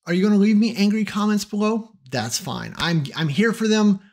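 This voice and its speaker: Chatty high-voiced man explaining tech. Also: normal speed, darkish tone. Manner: chatty, opinionated, self-deprecating asides. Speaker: tech trainer. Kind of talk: casual tutorial talk to camera.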